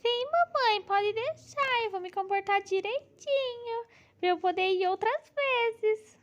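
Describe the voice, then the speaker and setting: A sweet little girl doll with a very high, childlike voice that turns whiny and pleading, as a woman puts her on. She talks slowly, and the recording is slightly dull with a faint hiss.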